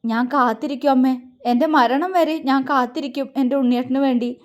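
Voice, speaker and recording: A woman doing a young wife, soft pleading voice, tearful, high-pitched, audio story. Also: fairly even intonation, a little fast, lightly acted. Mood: tender, tearful.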